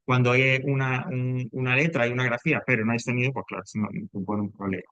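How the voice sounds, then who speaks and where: A man's voice: mid-range voice, steady tone, fast, sharp tone, no room sound. Andalusian man as a class teacher, patient explainer who keeps checking the students follow; dull, dry sound. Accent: Andalusian Spanish. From Andalusia, Spain.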